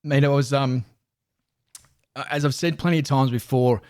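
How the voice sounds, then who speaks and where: An Australian stadium announcer in his forties from Newcastle appears as a guest on a casual podcast interview, chatting in a friendly, rambling way with many restarts. His mid-range voice is clear, resonant, and darkish, with fairly even intonation at a moderate pace.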